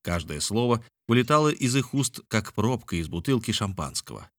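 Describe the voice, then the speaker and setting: A man reading a novel aloud as an audiobook narrator, steady and measured. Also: fairly low pitch, no room sound, clean studio sound. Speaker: audiobook reader. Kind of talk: scripted narration.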